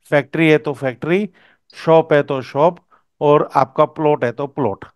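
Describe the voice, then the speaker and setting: A man's voice: a little high, fairly even intonation, unhurried, clean tone, no room sound. A man teaching a course, explaining step by step and often checking that his student follows. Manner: explanatory, checks understanding with "okay?". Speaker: vastu teacher.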